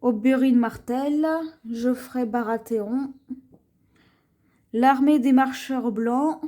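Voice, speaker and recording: Her warm voice is on the high side, with fairly even intonation. As a haul vlogger, she slowly and chattily presents what she bought, pointing things out, repeating "voyez" often, and now and then tripping over words and restarting names.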